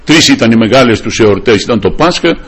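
A man's voice: medium pitch, expressive, fairly bright tone, slightly rough, poor audio. A man preaching a sermon. He speaks fervently, calls his listeners brothers and breaks in often with short cries of praise. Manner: fervent, punctuates with repeated praise exclamations.

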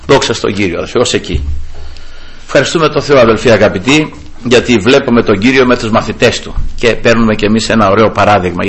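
A man preaching a sermon who keeps addressing his listeners as brothers and breaking into praise of the Lord. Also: medium pitch. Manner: animated storytelling, repeatedly addressing "brothers" and praising God.

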